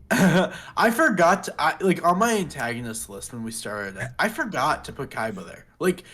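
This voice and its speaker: A man co-hosting a casual podcast, talking in an animated, opinionated way with many fillers. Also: fairly high pitch, normal speed. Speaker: podcast co-host. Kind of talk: casual chat.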